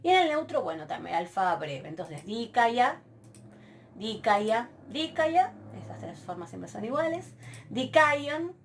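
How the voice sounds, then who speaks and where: A woman's voice: a little high, big pitch swings, a little hiss or hum. Patient woman teaching. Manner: patient, checks in with frequent "¿sí?"; spells out forms slowly with stressed syllables. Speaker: Greek teacher. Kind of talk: recorded university lecture.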